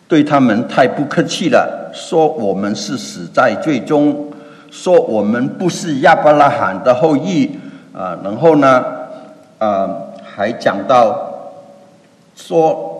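A man preaching a sermon and explaining scripture, reading verses slowly and dramatically. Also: medium pitch. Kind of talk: sermon with Bible exposition. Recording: long hall reverb.

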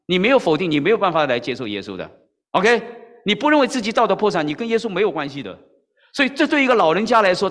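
The pastor's voice is a little high and rings with a long reverb tail. He delivers a storytelling sermon in the Mandarin-speaking church tradition, animatedly playing out the dialogue and checking in often with "OK?"

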